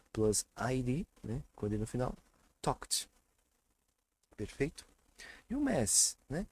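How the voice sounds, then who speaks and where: A man's voice: medium pitch, darkish tone. A man from Brazil teaching English pronunciation in a casual online lesson, chatty, often repeating sounds with emphasis.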